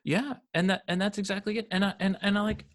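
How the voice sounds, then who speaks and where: Talking fast in a high, slightly bright voice with fairly even intonation, an American man in his fifties guests on a podcast. The financial advisor's casual interview talk rambles, with many restarts and fillers.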